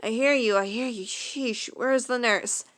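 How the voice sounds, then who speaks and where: A woman reading out the lines of a gruff grown man just woken from a coma, in a fan-made audio story. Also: fairly high pitch, measured pace, fairly bright tone. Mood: grumbling.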